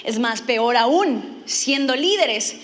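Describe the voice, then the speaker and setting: A woman's voice: a little high, expressive, takes it slowly, a little hiss or hum. A woman from Mexico, preaching a sermon and telling a funny personal story, acting out her own lines with animation.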